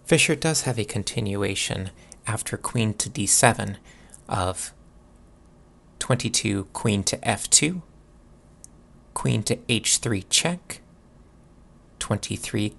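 A man giving instructional chess commentary in a measured way, posing questions to the listener as he analyses a game. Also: fairly low pitch, creaky, fairly bright tone.

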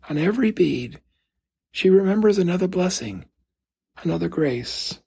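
A man giving a slow, reflective homily as a priest, pausing gently between phrases. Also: a little high, creaky, husky. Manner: slow, gentle, thoughtful pauses.

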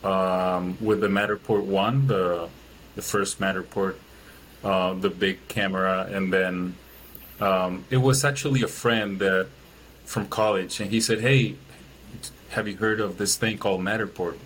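Man from Chile, hesitant, low voice. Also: fairly even intonation, unhurried, a bit bright, slight background noise, poor audio. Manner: hesitant, many fillers and restarts. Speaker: guest, business owner. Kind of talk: casual interview answers.

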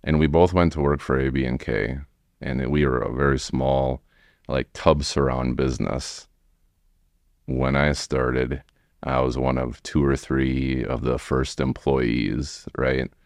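A man in his forties with an American accent, telling his story casually in a halting, rambling way as an interview guest. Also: very deep voice, flat delivery, no room sound, studio quality. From United States, Wisconsin. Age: 40s. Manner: rambling, halting, frequent "you know". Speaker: podcast guest, remodeling tradesman.

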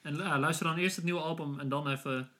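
A man's voice: a little high, fairly even intonation, brisk, pushed and bright. A man co-hosting a podcast in casual chat, often hesitant and thinking aloud as he talks. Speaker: podcast co-host. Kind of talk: casual chat about records.

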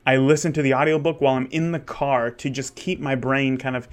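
Speaking briskly with fairly even intonation, a thirty-year-old man talks at medium pitch. He photographs weddings and hosts a podcast, and his candid solo monologue wanders, full of false starts.

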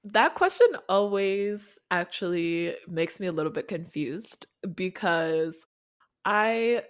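A woman's voice: lowish voice, lively intonation, takes it slowly. A woman from Nigeria co-hosting a podcast, talking in a thoughtful, earnest way with small laughs. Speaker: podcast co-host. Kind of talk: casual podcast chat.

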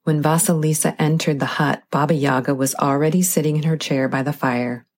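A woman narrating a folk tale in a measured, dramatic storytelling style. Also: low-pitched, steady tone, a little mellow.

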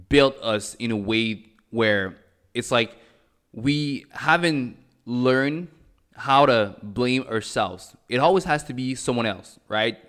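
A man from Cameroon, raised in Montreal, hosting a motivational podcast in an energetic style and repeating phrases for emphasis. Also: mid-range voice. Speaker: podcast host.

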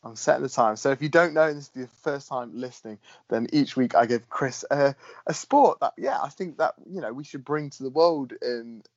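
A chatty man co-hosting a podcast, often laughing and restarting his sentences. His voice sits in a middle pitch. The recording is dry and a little dull. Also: brisk, no echo. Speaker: podcast co-host. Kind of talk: casual chat.

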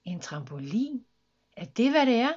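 A woman voicing an eager little koala girl from a storybook, pitched well above her reading voice. She bursts out in squeals and cries. The recording sounds dull and lo-fi. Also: slightly rough. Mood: excited. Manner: excited squeals and exclamations. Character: young female koala, eager and cheerful.

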